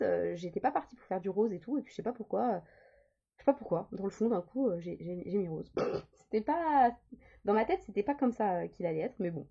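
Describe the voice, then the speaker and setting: A woman's voice: mid-range voice, gravelly, warm tone, slightly rough. A woman in her thirties chatting casually as a coloring vlogger, rambling with many fillers and restarts. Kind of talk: casual chat. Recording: dull lo-fi sound.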